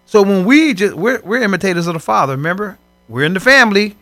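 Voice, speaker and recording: A man co-hosting a faith broadcast, preaching in animated conversation and acting out voices from scripture stories. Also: high voice, fast talker, no echo, faint music behind.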